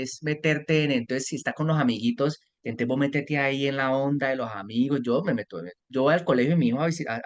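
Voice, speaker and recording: Podcast guest: Colombian man, 40s, mid-pitched, animated and rambling. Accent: Colombian Spanish. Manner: talkative, animated storytelling with restarts. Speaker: guest, parenting mentor. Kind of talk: casual podcast conversation.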